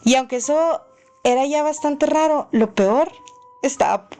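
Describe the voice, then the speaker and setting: A woman earnestly narrating her own paranormal story, unhurried and full of fillers. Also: high voice, warm tone. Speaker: channel host.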